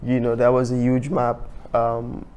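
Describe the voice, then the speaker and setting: A man from Sierra Leone hosting a podcast in a relaxed, chatty way. His voice stays level and even, with little rise and fall, and he tends to repeat phrases as he talks. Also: mid-range voice, measured pace, clean tone. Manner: easygoing, chatty, repeats himself. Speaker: podcast host. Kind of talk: casual interview conversation.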